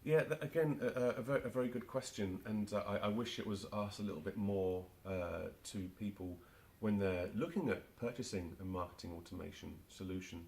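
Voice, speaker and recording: With a fairly low, gravelly, darkish voice, this guest speaks a little fast and hardly pauses. He's a marketing automation specialist in his forties from England with a London accent, and his interview answers are hesitant, riddled with fillers and restarts.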